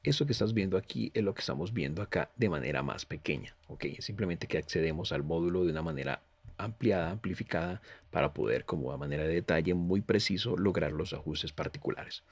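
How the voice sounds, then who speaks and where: A man presenting a music software review narrates a tutorial walkthrough in Spanish. His low, expressive voice moves fairly quickly with a breathy edge, and he explains things by often repeating and rephrasing himself.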